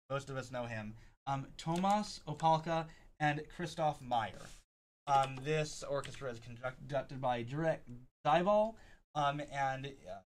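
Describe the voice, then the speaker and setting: Somewhat high-voiced man hosting a casual news rundown. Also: low-quality recording. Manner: halting, many fillers and restarts. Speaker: podcast host.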